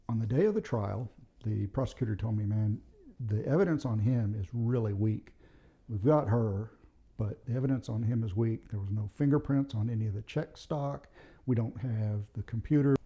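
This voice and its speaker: A man's voice: on the low side, creaky, dark tone. A former police officer, a man, tells true stories from his time on the job in a casual, plain-spoken, matter-of-fact way. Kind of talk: casual anecdotal storytelling.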